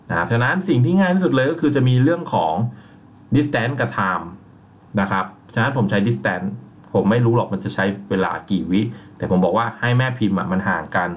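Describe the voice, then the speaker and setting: Low-voiced man explaining software steps. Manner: relaxed, explains step by step with frequent polite fillers. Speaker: software instructor. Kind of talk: screen-recorded software tutorial.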